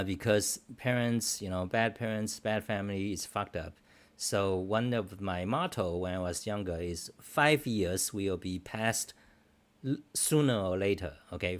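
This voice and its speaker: A middle-aged livestream host, a native Chinese speaker with a fairly low voice, rambles casually and bluntly through viewer questions. He swears freely, and his phrasing is loose and broken.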